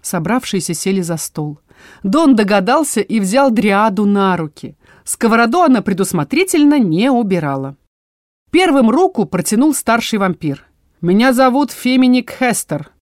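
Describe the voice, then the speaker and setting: A woman's voice: medium pitch, moderate pace, no echo, clean studio sound. Woman narrating an audiobook. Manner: expressive reading, voicing many characters.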